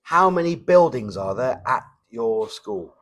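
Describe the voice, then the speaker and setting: A man's voice: mid-range voice, big pitch swings, a little slow, a bit bright. A man acting as examiner in a mock English speaking test, asking simple questions and patiently repeating and rephrasing them. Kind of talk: mock oral exam questions.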